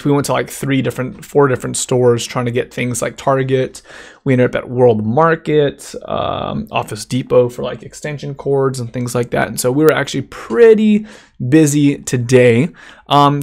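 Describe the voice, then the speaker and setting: A man hosting a casual live-stream Q&A from a room at home, talking upbeat and straight to his viewers in the chat. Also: fairly high pitch. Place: room at home with wall shelving.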